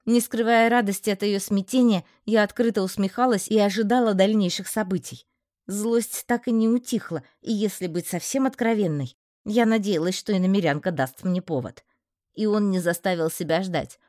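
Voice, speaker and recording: A woman narrating a first-person fantasy audiobook in a steady, expressive storytelling manner. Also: medium pitch, normal speed, no echo, studio quality.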